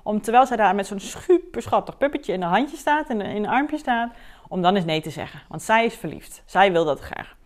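A woman's voice: mid-range voice, moderate pace. A woman coach speaking straight to the listener in a podcast monologue, frank and direct, acting out the things her client and she herself said. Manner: direct, animated, acts out client and herself in quotes.

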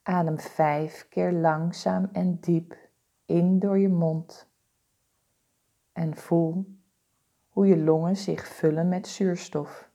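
A woman leading a guided body-scan meditation, giving calm, soothing, deliberate instructions with pauses. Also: lowish voice, creaky.

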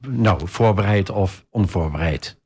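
Low-voiced, formal male interviewer. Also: unhurried, darkish tone, slightly rough. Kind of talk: prepared interview questions.

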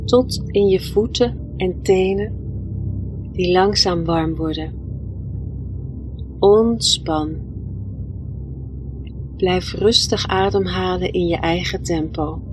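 A woman leading a guided meditation in a soft, soothing, gentle voice, leaving long pauses between phrases. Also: fairly low pitch. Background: music.

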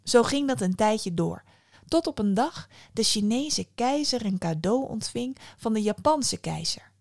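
A woman podcast host narrating a fairy tale in a calm, measured storytelling manner. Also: fairly high pitch, vocal fry, dry recording, studio quality.

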